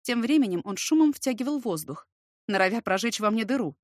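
A woman reading a novel aloud as a first-person narrator, steady and expressive. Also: on the high side, a little fast, no echo, clean studio sound. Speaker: audiobook narrator.

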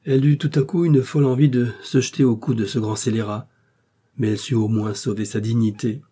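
Male audiobook narrator for a classic novel, mellow and husky, measured. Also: medium pitch, steady tone. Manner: measured, literary. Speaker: audiobook reader.

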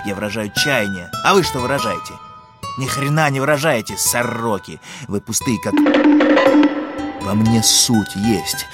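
A blunt, hot-tempered peasant lad holds forth and blusters in a radio play, as a man puts him on. He declaims boldly, stretching his words. Loud music runs underneath. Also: medium pitch, pitched above the performer's own voice, close to an everyday voice. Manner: bold, rising, drawn-out declaiming.

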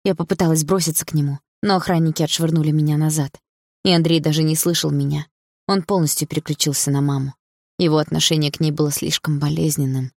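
Brief: woman audiobook narrator, very low gravelly voice, dry close sound, measured dramatic delivery. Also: fairly even intonation, a little mellow, no echo. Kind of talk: scripted first-person audiobook narration.

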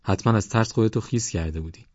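A man's voice: on the low side, a little mellow, dry recording, dull audio, lightly acted. A man voicing an easygoing village shopkeeper who talks in a teasing, offhand way in an audiobook. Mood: joking. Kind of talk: audiobook character voice.

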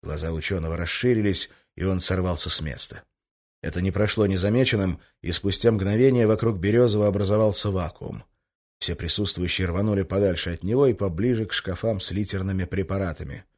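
A man narrating an action-packed audiobook in a brisk, tense manner. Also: deep voice, darkish tone. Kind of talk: scripted narration.

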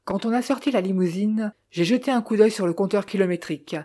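A woman reading the part of a calm, shrewd detective who reasons step by step. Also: mid-range voice, quick pace, close to an everyday voice. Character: shrewd, calm middle-aged detective man.

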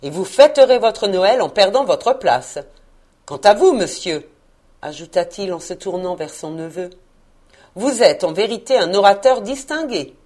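A woman voicing a stern, miserly old man who answers in clipped, gruff phrases. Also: on the low side, lively intonation, normal speed, a little mellow. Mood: curt.

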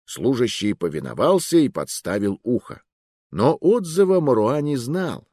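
A man narrating an audiobook in an expressive, wry manner. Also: medium pitch, husky, no room sound, clean studio sound.

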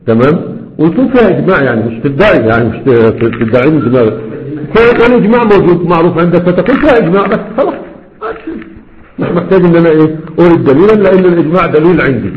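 A man with an Egyptian Arabic accent, a sheikh giving a classroom grammar lecture, explaining with rhetorical questions and checking often that students follow. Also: on the high side. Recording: dull lo-fi recording.

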